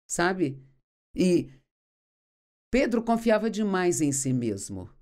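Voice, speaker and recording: Woman preaching a bible teaching, earnest, lowish mellow voice, reads verses out. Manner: earnest, instructive, reads scripture aloud. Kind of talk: sermon teaching, dubbed voice-over.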